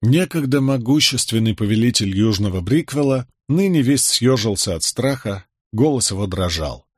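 A man narrating an audiobook in steady first person. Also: mid-range voice, moderate pace, slightly rough, dry recording, studio quality. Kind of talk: audiobook reading.

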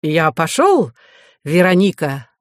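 A woman doing a smooth, polite young swindler. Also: low-pitched, big pitch swings, takes it slowly, dry recording, clean studio sound, heavily acted. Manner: courteous and self-assured.

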